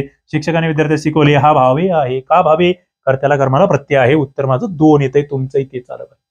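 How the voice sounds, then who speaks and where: A man's voice: fairly high pitch, darkish tone, lo-fi sound. A man teaching an exam-prep grammar lesson, reading out test questions and options and explaining each answer, with sudden jumps in emphasis and many fillers. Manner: fillers like "bagha" and "a", and self-corrections.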